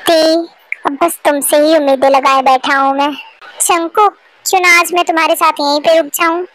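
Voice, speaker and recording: A woman's voice: high-pitched, fairly even intonation, normal speed, a bit bright, a little hiss or hum, poor audio. A woman voicing an earnest, concerned young man who looks out for his friend, in an amateur fan dub. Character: worried loyal young man, best friend.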